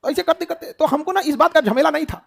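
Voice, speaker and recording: A man's voice: very high voice, fast, creaky, fairly bright tone. A man from Bihar with a Bihari accent, lecturing a class of students, asking them rhetorical questions, answering them himself and joking. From Bihar, India. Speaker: teacher.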